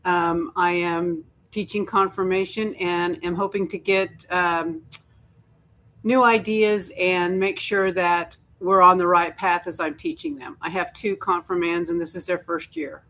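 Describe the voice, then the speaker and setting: A woman's voice: lowish voice, fairly even intonation, a little slow, a bit bright, a little hiss or hum. A woman who teaches confirmation, introducing herself earnestly on a video call.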